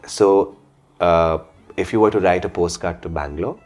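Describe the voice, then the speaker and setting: A man's voice: low-pitched, moderate pace, darkish tone, faint music behind. A man with an Indian accent hosting a casual interview, chatting with his guests and putting questions to them. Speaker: podcast host.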